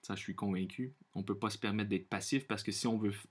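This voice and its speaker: Speaking in a steady tone, a Québécois vlogger with a low voice and Quebec French accent shares his opinions unscripted to the camera. Earnest throughout, he hesitates, gropes for words and repeats himself.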